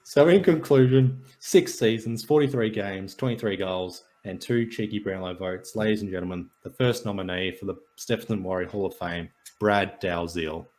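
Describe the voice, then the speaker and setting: A man's voice: lowish voice, normal speed, few pauses, a little mellow. A man, co-hosting a casual podcast, running through stats and match notes with a dry, jokey delivery. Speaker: podcast co-host. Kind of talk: casual sports and wrestling chat.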